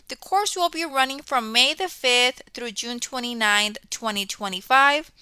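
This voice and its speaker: A middle-aged college instructor, born in Mexico and raised in Texas, gives a semi-scripted welcome announcement to students. Her high, bright, forceful voice has no echo. She is enthusiastic and explanatory, often checking in with "okay."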